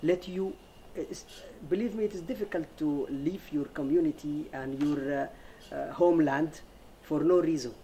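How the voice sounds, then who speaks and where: A man with a fairly high but mellow voice speaks non-native English as a guest in a discussion. He talks haltingly and emphatically, often repeating words. Faint noise sits behind him. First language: not English. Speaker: interview guest. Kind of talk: unscripted panel talk.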